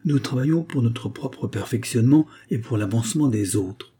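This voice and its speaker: A man's voice: mid-range voice, lively intonation, normal speed, mellow, husky. A man reading an audiobook, voicing the hard, cold spirit of a dead man who speaks through a medium. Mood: solemn, cold. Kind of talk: audiobook character voice.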